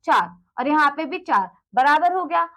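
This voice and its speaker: A woman's voice: high-pitched, animated, normal speed, fairly bright tone. A woman teaching math to children, explaining step by step with patience, asking the class questions and then answering them, and mixing English words into her speech. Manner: mixes English words into Hindi.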